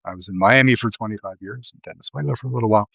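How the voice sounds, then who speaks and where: A man from Ohio with a Midwestern accent hosts a live video on a live stream mic, rambling and digressing with lots of fillers and restarts. His voice is fairly low, very fast, creaky and sharp with a breathy edge. The recording is dry, with the highs cut off.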